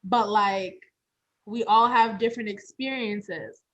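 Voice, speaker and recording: A woman's voice: mid-range voice, fairly even intonation, slow pace, a bit bright, highs cut off. A woman raised in a Malawian American household, talking reflectively in a casual podcast chat. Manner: reflective, uses fillers like "you know". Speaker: podcast co-host.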